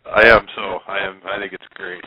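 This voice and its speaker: A man with a big deep voice guesting on a podcast, giving short dry joking replies. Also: little pitch movement, brisk, husky, no room sound. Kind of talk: casual chat. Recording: tinny Skype call audio.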